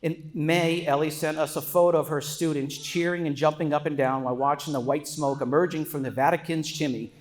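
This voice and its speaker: A man's voice: a little high, steady tone, brisk, hardly any pauses. A middle-aged man giving a father of the bride speech at a wedding, prepared and sprinkled with joking asides.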